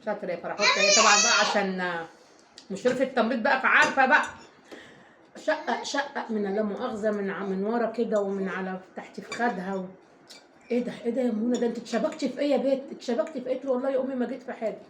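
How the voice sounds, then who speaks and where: Fast-talking Egyptian mother vlogging. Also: fairly high pitch, steady tone, a little mellow. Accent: Egyptian Arabic. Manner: rambling, emphatic, swears oaths, addresses viewers fondly. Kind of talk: casual chatty storytelling to viewers. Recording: echoey room, faint background noise.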